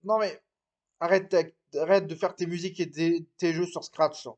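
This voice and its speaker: A man performing an improvised amateur role-play dialogue, scolding in a halting way and often repeating his words. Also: on the high side, fairly even intonation, a little mellow. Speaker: hobby drama performer.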